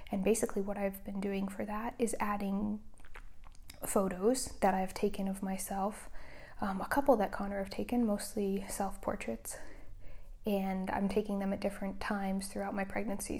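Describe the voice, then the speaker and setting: A woman hosts her own podcast from home, speaking in a soft, hushed near-whisper. Her voice carries a steady gravelly fry, and she talks in an easy, casual way. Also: mid-range voice. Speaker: podcast host. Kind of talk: casual solo podcast monologue. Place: at home, someone in the next room.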